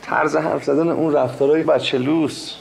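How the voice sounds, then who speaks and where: A man's voice: on the high side, fairly even intonation, creaky. An actor playing a brash young male suitor who talks with bold, lecturing insistence. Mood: preachy. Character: cocky young male suitor, pushy and preachy. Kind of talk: comic screen acting. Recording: noisy background hiss.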